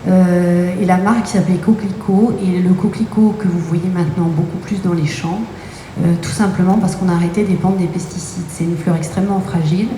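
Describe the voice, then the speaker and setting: A guest on a radio interview, a company co-owner from Brittany, France, describes her business at length in a low, mellow voice with fairly even intonation. She explains things carefully but pauses often on hesitation fillers, and the echoey room adds long reverb and faint background noise.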